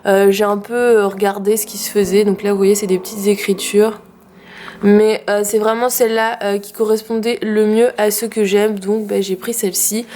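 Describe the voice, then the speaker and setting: A woman's voice: mid-range voice, flat delivery, normal speed, mellow, a little hiss or hum. A woman with a French accent showing her craft purchases in a casual, chatty way with many fillers. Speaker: craft vlogger. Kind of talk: casual haul video.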